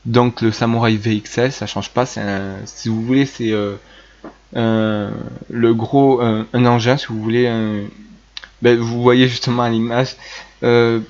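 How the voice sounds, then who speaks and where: A man's voice: medium pitch, little pitch movement, measured pace, darkish tone. Hesitant man, dull lo-fi recording. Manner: hesitant, many filler sounds and restarts. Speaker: YouTuber presenting toy news. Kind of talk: casual unscripted video chat.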